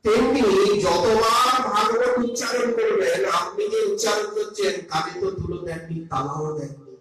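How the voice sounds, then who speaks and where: An older man giving a Vaishnava sermon on scripture, slow and emphatic, dropping from loud to soft, sometimes chanting Sanskrit verses. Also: high-pitched, soft background music. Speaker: Vaishnava preacher. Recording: echoey hall, voice from a distance, faint hum.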